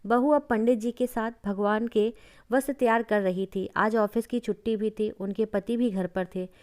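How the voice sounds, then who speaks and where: Clear-voiced woman storyteller narrating. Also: fairly high pitch, fairly even intonation, normal speed, darkish tone.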